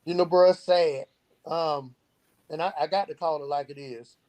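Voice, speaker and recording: A man who founded a youth program speaks as an interview guest, giving earnest, emphatic answers and illustrating his points with stories. His fairly high, slightly mellow voice keeps fairly even intonation at a normal speed. The audio quality is poor.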